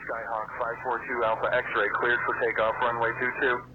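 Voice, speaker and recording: A man's voice: medium pitch, completely flat delivery, moderate pace. A man giving clipped air traffic radio calls, heard as a pilot radio transmission through a cockpit headset. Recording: tinny radio line with static.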